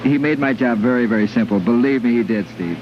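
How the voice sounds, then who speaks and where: A man calling live bowling play-by-play, excitedly repeating phrases as the action peaks, on an old television broadcast. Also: medium pitch, fast talker. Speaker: bowling commentator. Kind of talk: live sports play-by-play commentary. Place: bowling alley. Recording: noisy dull vintage 1950s TV broadcast.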